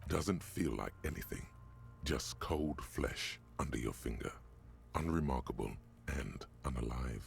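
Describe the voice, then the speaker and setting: A gravelly, very deep game narrator. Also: male voice, lively intonation, measured pace, slight background noise, heavily acted. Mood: grim narration. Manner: grim, darkly vivid description. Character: deep gravelly male narrator voice of the detective's mind.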